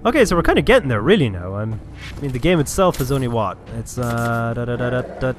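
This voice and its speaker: With game music, gunfire and other noise behind him, an Irish-accented man from Cork talks his way through a shooter game for his gaming channel, chatty and occasionally cursing. He sounds very animated, mid-range in pitch, and speaks quickly.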